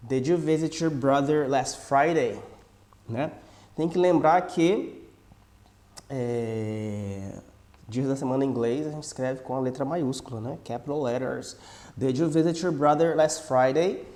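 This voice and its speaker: A man from Brazil, an English teacher patiently explaining a lesson and slowly repeating example sentences. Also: mid-range voice, a little mellow.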